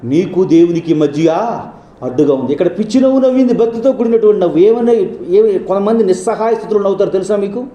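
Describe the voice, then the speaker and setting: Man, pastor, sermon, rhetorical questions, high dark voice. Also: animated, fast, echoey room, highs cut off. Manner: preaching with rhetorical questions and quoted dialogue.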